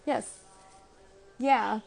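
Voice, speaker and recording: A woman talking casually and reflectively to her viewers as a self-help host, candid and confessional, in a halting way as she thinks aloud. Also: fairly high pitch, fairly even intonation, vocal fry, faint music behind. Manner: halting, thinking aloud in a stop-start flow.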